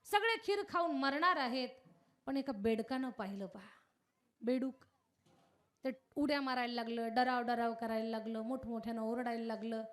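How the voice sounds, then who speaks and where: A woman with a fairly high voice speaks at a moderate pace while preaching a devotional kirtan sermon. She tells a story animatedly and puts questions straight to her audience.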